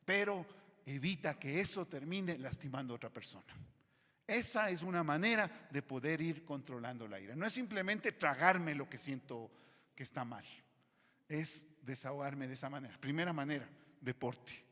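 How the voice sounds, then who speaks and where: A male pastor preaching a sermon, switching between loud emphatic lines and quiet low asides. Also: expressive, normal speed. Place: church hall. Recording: long church hall reverb.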